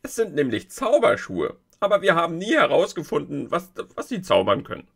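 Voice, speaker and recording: A man reading a storybook aloud and voicing a small, eager fairy-tale villager, a little higher and louder than his own voice. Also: wildly swooping pitch, a little fast, vocal fry, husky, exaggerated voice.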